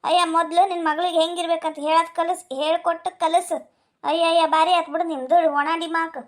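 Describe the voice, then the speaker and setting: Woman voicing a sharp-tongued cartoon village mother, very high voice, North Karnataka accent, scolding and bickering. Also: level tone, a little fast. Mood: quarrelsome. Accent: North Karnataka Kannada.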